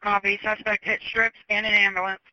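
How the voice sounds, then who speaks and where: A man dispatching over a police radio, answering with quick, crisp acknowledgements. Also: sits high, level tone, no room sound. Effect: police radio transmission. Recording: muffled radio.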